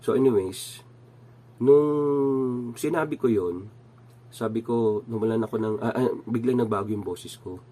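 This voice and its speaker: A man's voice: medium pitch, measured pace, mellow. A middle-aged man with a nasal voice, casually telling a personal story with many fillers and restarts while he has a cold. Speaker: channel host.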